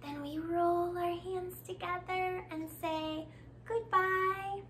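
Her voice is very high-pitched and fairly bright, with fairly even intonation and a slow delivery, plus slight background noise. She's a thirtysomething woman hosting a library storytime, reading a children's picture book expressively to young listeners from a few feet away from the camera in a small living room by a window.

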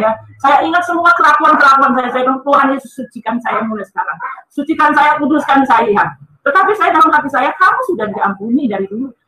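Speaking quickly in a high, bright voice, a woman shares a personal testimony with earnest emphasis, often addressing her listeners as friends. The mic is distant, placing her back in an echoey room.

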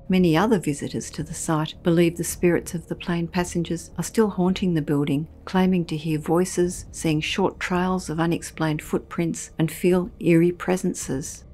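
A woman reading a scripted documentary narration in a measured, ominous storytelling manner. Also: fairly low pitch, a little mellow.

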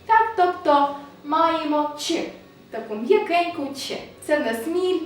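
A woman teaching a video language lesson, explaining patiently and often checking in with a quick "right?". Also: high-pitched, expressive, distant mic. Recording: echoey room, voice a bit off-mic.

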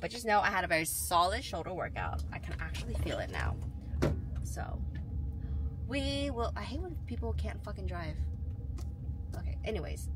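A woman's voice: medium pitch, noisy background. A woman and mom talking casually to camera in a rambling, chatty vlog with lots of fillers. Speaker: vlogger and mom.

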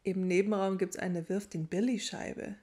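A woman's voice: mid-range voice, steady tone, normal speed, a little mellow, close to an everyday voice. A woman voicing a casual, chatty young wizard who explains eagerly and gets a bit baffled. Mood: explaining, puzzled.

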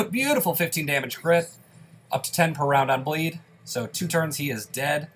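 A man's voice: on the high side, moderate pace, a bit bright, a little hiss or hum. Congested man doing let's play commentary. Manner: chatty, talks through each move. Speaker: gaming channel host.

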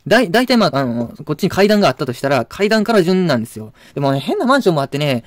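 Ranting fast-talking Kansai man. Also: fairly high pitch, big pitch swings, dry recording. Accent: Kansai Japanese. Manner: ranting, insulting, rambling with frequent restarts. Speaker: video blogger. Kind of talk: angry rant to camera.

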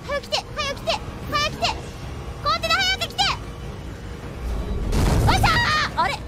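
A woman streaming a video game with excited commentary, frantically repeating words and screaming, yet using polite, ladylike phrasing. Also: extremely high pitch, normal speed. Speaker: game streamer, virtual character host. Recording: loud game audio behind the voice. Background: video game music and effects.

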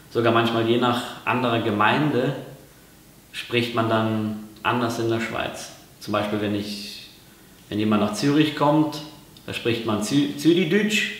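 A man's voice: medium pitch, fairly bright tone. A man from Germany explaining things in a casual vlog, talking hesitantly with lots of fillers and restarts. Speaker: vlogger. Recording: very echoey room.

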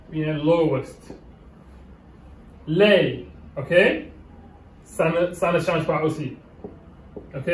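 A man's voice: fairly high pitch, a little mellow, recorded from a distance. A man from Senegal with a Senegalese French accent, whose first language is Wolof, teaching English grammar at a whiteboard, switching between French and English and checking in with "okay?". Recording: roomy sound from away from the mic.

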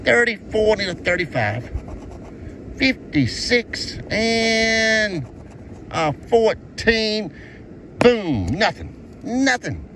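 A middle-aged man chats in a slow, easygoing drawl while he reads numbers aloud one by one. His voice sits fairly high for a man. The phone audio catches clear wind and surf noise from the open beach. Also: sing-song, sharp tone, poor audio. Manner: cheerful running commentary, calls out numbers one by one. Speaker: lottery scratch-off vlogger. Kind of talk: casual upbeat vlog chat. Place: outdoors on a sandy beach by the ocean. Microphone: phone camera held close, pointed down.

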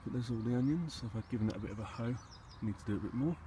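Outdoors among his allotment beds and polytunnel, an English gardening vlogger talks rapid-fire in a dark tone, thinking aloud in a casual, low-key, somewhat hesitant way. The handheld recording, made from behind the lens, carries wind and a rumble underneath.

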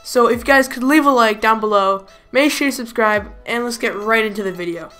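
A hoarse woman giving chatty, self-deprecating commentary over her own gameplay as a gaming YouTuber. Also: on the high side, a little fast, a bit bright, soft background music. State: hoarse, lost voice.

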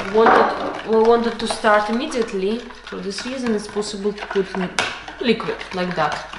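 In a mid-range voice at normal speed, a woman patiently walks her child through baking at home, using non-native English with Russian words mixed in. A camera across the kitchen table records her amid echo, clattering dishes and background noise.

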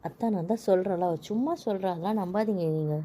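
A woman's voice: mid-range voice, fast talker, dark tone, natural voice. A woman playing an exasperated cheeky wife. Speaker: voice actor in audio drama. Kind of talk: amateur audio drama acting.

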